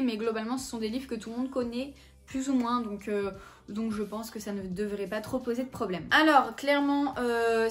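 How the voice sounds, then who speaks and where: Chatty young French woman, lots of fillers. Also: on the high side. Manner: chatty, many fillers and self-corrections. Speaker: book vlogger. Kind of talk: casual chat. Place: at home in front of her bookshelves.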